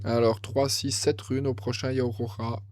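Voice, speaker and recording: A man commenting on a card game match, excitable and thinking aloud as he goes, often correcting himself. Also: mid-range voice, normal speed, slight background noise.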